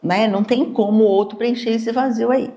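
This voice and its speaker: A Brazilian woman lecturing on neuroscience to a live room, her voice sitting a little high. She explains with lively energy and slips into quick acted-out exchanges between people to make her points. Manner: lively, acts out everyday dialogues in quoted voices.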